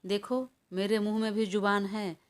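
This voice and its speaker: A woman's voice: mid-range voice, flat delivery, moderate pace, voice pushed up, natural voice. A woman reading an audio story, voicing a weary, irritated young man who talks in an exasperated way. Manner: exasperated, pleading for rest. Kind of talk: audiobook character voice.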